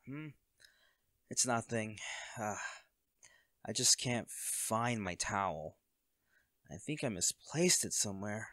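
In an audio roleplay addressed to the listener, a young man plays a cocky college volleyball captain, teasing and laid-back, laughing often and swearing casually. His lowish, fairly bright voice is animated yet slow, with frequent pauses, and the recording is dry.

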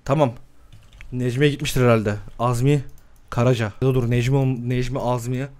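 A young man giving excitable live commentary on a game, swearing often and laughing a lot. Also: mid-range voice, normal speed. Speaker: gameplay streamer.

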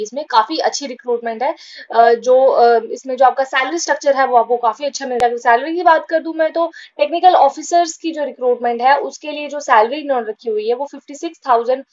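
High-voiced woman explaining casually, lo-fi. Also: a little mellow. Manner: casual, repeats points, frequent fillers. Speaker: job-update channel host. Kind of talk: informal explainer voice-over over screen recording.

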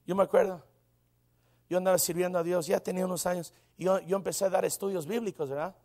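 Man, pastor, high voice, animated sermon storytelling. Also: quick pace. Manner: animated storytelling with frequent exclamations.

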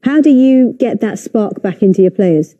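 A woman presenting a TV studio football show, briskly putting questions to her panel. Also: on the high side, expressive, mellow.

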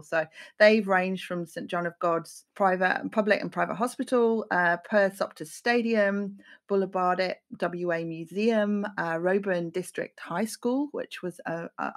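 A woman with a slightly low voice hosts a conversational podcast. She builds her thoughts hesitantly, repeating words as she circles toward the point. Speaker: podcast interviewer, landscape architect.

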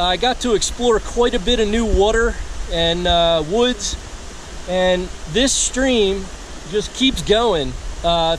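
A man in his forties talking casually to a hand-held camera beside a forest stream, relaxed and rambling, with many fillers. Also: high voice, slight background noise, rough recording. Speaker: fly fishing vlogger. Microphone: camera held at arm's length.

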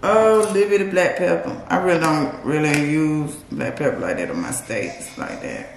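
A woman's voice: low-pitched, lively intonation, normal speed, creaky. A young woman chatting casually to her viewers as she seasons steaks in her home kitchen, laughing often and calling them y'all. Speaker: vlogger cooking with her boyfriend. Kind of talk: casual cooking vlog chat. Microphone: camera mic across the kitchen. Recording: echoey kitchen with loud background noise.

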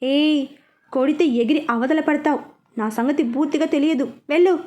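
A man's voice: very high-pitched, moderate pace, a little mellow. A woman voicing a blunt, dismissive young male student who wants nothing to do with love, speaking curtly and with threats. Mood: angry.

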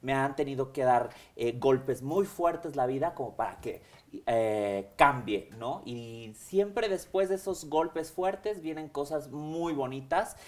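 A Mexican man in his thirties, seated as an interview guest in a small studio, telling his story in a lively, animated way. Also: mid-range voice, slow. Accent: Mexican Spanish. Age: 30s. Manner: animated and expressive, gestures with hands, many fillers. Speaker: interview guest, hair extension stylist. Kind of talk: casual conversational storytelling. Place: small indoor studio set, seated in armchair.

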